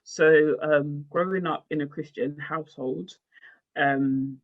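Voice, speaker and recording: A woman in her twenties talking candidly in a casual podcast chat, animated and quick to laugh. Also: low-pitched, highs cut off. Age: 20s. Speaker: podcast co-host.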